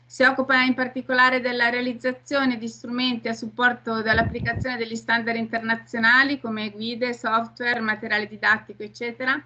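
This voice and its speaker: A woman's voice: a little high, little pitch movement, normal speed, few pauses, bright, forceful tone. A middle-aged woman moderates an online conference over a video call, introducing speakers. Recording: slightly dull video call sound.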